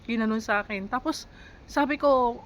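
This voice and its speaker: A young woman from the Philippines, a live-in caregiver, in a confessional vlog, telling her story in a halting, emotional way with many pauses. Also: fairly high pitch, rough recording. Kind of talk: confessional vlog, mixing Tagalog and English.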